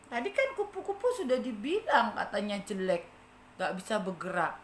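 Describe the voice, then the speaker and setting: A woman's voice: medium pitch, sing-song, normal speed. A woman with an Indonesian accent telling a children's story in church, often asking the children questions. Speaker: Sunday school teacher. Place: church hall. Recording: echoey church hall, faint noise.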